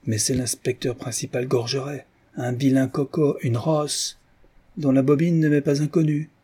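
A man voicing a playful, gallant gentleman adventurer in an audiobook, raising his voice with airy politeness. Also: medium pitch, level tone, normal speed, breathy edge, voice pushed up, close to an everyday voice.

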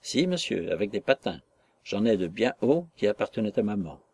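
A man's voice: on the low side, sing-song, normal speed, vocal fry, mellow, breathy edge, exaggerated voice. A man reading the part of a serious, brave young working girl in an audiobook, speaking politely and earnestly. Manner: earnest, polite and plain-spoken.

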